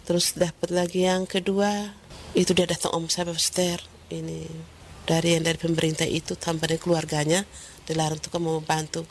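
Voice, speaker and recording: Flat-voiced woman, matter-of-fact account. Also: deep voice, normal speed, slight background noise. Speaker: interviewee, community member. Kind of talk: conversational testimony.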